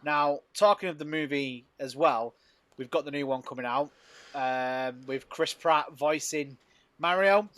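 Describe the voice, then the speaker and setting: A man's voice: a little high, a little slow, a bit bright, no room sound. A man hosting a casual podcast chat, joking, laughing often and trailing off mid-thought. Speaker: podcast host.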